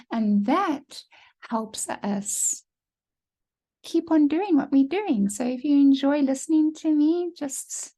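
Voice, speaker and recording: A woman hosting a podcast, speaking slowly and deliberately as she leads an interview and reads a sponsor message. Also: fairly high pitch, warm tone. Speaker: podcast host.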